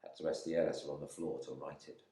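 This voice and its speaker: Talking fast and flat, a man with a very deep, dark voice performs a dramatic monologue from a novel in an echoey room. He voices an embittered English RAF airman imprisoned in India, proud and resentful, whose clipped, brooding words feel ashamed and reflective.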